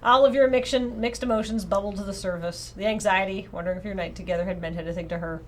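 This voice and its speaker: A woman livestreams herself reading a visual novel, speaking quickly in a mid-range voice over slight background noise. She reads expressively and casually, regularly wandering off into playful remarks.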